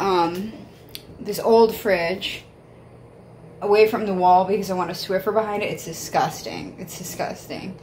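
A woman's voice: mid-range voice, a little mellow, a little hiss or hum. A woman in her thirties talking casually to a phone camera held at arm's length, chatty and often exasperated. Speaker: vlogger. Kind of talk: casual vlog talk to camera. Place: outdoors and at home, varied.

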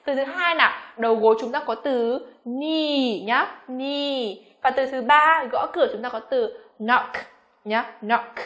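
Woman, pronunciation teacher, bright slightly high voice, quizzes the class and models each word slowly. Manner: addresses learners as "các em", frequent rhetorical questions; slows down to model English words slowly. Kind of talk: classroom-style pronunciation lesson.

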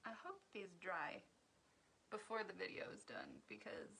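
A woman's voice: on the low side, huge pitch swings, normal speed, creaky, pushed and bright, slight background noise. A woman hosting a casual livestream makeup tutorial from home, chatty and joking at her own expense.

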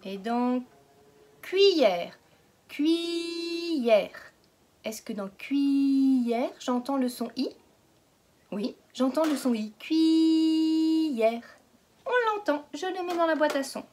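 A woman teaching a phonics lesson to young children, stretching out each word slowly and patiently asking questions. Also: high-pitched, lively intonation, darkish tone. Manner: slow, exaggerated word pronunciation. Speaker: kindergarten teacher.

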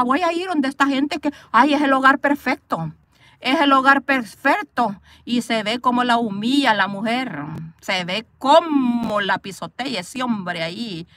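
Sitting in a parked car with an outdoor view, a woman vlogs into her phone camera, bluntly scolding and gossiping as she reads live comments. Her voice is on the high side and sharp, and the recording is dry.

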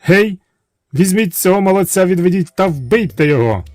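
A tricky young princess from a storybook tale, as a male narrator puts her on, shrill and high-pitched. Her cries leap up loudly, and she coaxes and pleads. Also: animated, moderate pace, dry recording, faint music behind. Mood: commanding.

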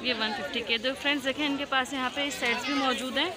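A woman with a Pakistani Urdu accent vlogs her tour of a busy outdoor street market, chatting with viewers and asking sellers their prices. Her high-pitched voice moves quickly with fairly even intonation. Crowd chatter and traffic fill the noisy market recording.

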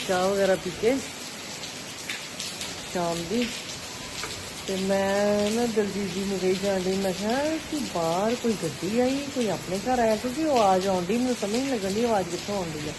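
A Punjabi-accented woman narrates a casual home vlog at an ordinary pitch. She is chatty, circles back over her phrases and exclaims expressively. Rain noise is clearly audible behind her voice. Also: normal speed, long pauses. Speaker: vlogger, channel host. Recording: noisy, rain sound behind the voice. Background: rain falling.

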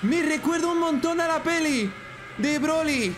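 A man with a Spain Spanish accent giving excited reaction commentary as a streamer, full of exclamations and outbursts. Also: very high voice, a little slow, background noise. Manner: excitable, frequent exclamations and shouts. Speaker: streamer reacting to a fan animation.

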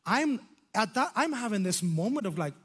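An Irish pastor in his fifties preaches animatedly from a church stage into a headset mic, his high, husky voice slowing for dramatic stress on key words. Long hall reverb trails his speech.

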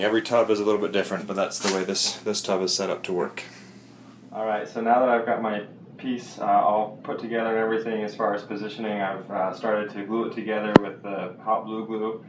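A man's voice: lowish voice, a little hiss or hum. A young man giving a casual step-by-step how-to in an unfinished basement bathroom, explaining plainly with fillers and corrections, recorded on a handheld camera mic. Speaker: DIY instructor. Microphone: camera mic, filming handheld and close.

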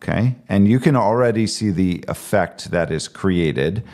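A man calmly talking step by step through a screen-recorded software tutorial. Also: deep voice, a little slow. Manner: calm step-by-step explaining. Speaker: tech tutorial presenter.

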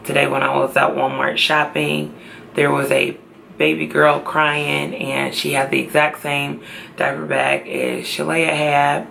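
Slow, gravelly, tired young woman. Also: deep voice, fairly bright tone, a little hiss or hum. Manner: tired, slow and tearful, trying to stay upbeat. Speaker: pregnancy vlogger. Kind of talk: emotional personal vlog.

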